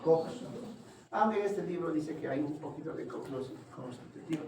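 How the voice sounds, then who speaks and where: Male lecturer, slightly high voice, heard from afar in a noisy room, quizzes students. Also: expressive, vocal fry, darkish tone. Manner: quizzing students with quick questions. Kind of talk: classroom lecture. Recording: echoey room, far from mic, noisy.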